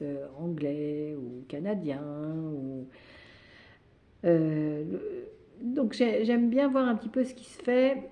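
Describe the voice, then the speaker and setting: Mellow-voiced woman chatting about knitting. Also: medium pitch. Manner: hesitant, many fillers and restarts. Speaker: knitting podcast host. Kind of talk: casual chat.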